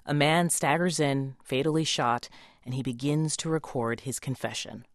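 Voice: mid-range voice, fairly even intonation, normal speed, no room sound, studio quality. A radio news host reading a scripted, storytelling introduction.

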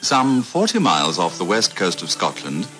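A man's voice: deep voice, very animated, normal speed, over music. A man giving scripted narration in an old newsreel played from the archive.

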